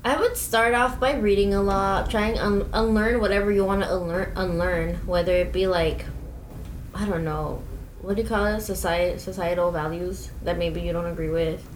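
A woman's voice: mid-range voice, fairly even intonation, moderate pace, roomy sound, a little hiss or hum, rough recording. A woman in her twenties, co-hosting a casual podcast from home, chatty and opinionated with lots of "like" fillers. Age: 20s. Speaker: podcast co-host.

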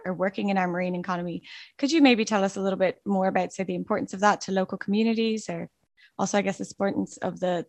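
A woman asks questions in a casual, conversational style. She talks quickly, with informal phrasing. The sound is dry, with hardly any room on it. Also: lowish voice, dry recording. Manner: informal, frequent 'kind of' and 'I guess'. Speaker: interviewer.

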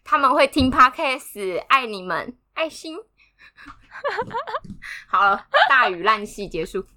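A young woman chats on a podcast, her voice high and bright. She tells her story with big swings in pitch, animated and dramatic, laughing as she goes. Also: takes it slowly. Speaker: podcast co-host. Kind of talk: casual storytelling chat.

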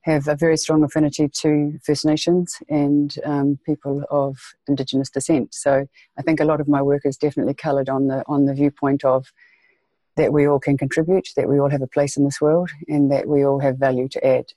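This woman's voice is low, dark, and level in tone, running a little fast with no room sound. She is a New Zealander with a local accent, an education leader guesting on a podcast interview, speaking earnestly and repeating phrases for emphasis.

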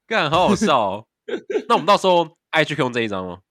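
A young man, co-hosting a casual podcast with quick, teasing reactions and casual swearing. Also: a little high, big pitch swings, a bit bright, no room sound, studio quality. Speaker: podcast co-host. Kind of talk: casual chat.

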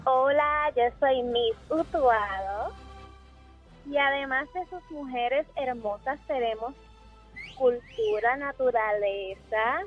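A Puerto Rican woman calling in, playing a beauty-queen contestant with a slow, sugary delivery. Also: high-pitched, lo-fi sound, faint music behind. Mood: sweetly proud. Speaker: caller.

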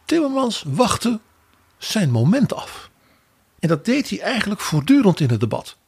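Male podcast co-host, raspy and gravelly, lively wry political commentary, dry close mic. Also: sits high, measured pace, dry recording. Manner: animated, wry commentary with quoted asides. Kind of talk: political analysis chat.

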